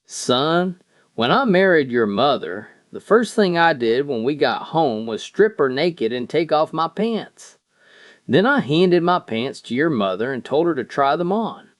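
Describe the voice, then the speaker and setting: A man's voice: on the high side, big pitch swings, measured pace, no room sound, studio quality. Man playing a self-assured, bossy father. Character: bossy father giving his son marriage advice.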